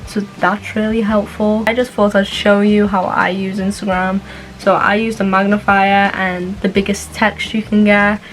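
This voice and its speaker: A woman's voice: medium pitch, little pitch movement, normal speed, slight background noise, low-quality recording. A young woman giving a casual tutorial in an informal, chatty way, with asides. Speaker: vlogger. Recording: music playing behind the voice. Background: background music.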